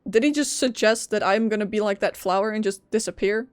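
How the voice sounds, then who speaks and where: A young woman streams a game, reacting casually and playfully to its story with lots of slang as she plays. Her medium-pitched voice is brisk, and faint music plays behind her.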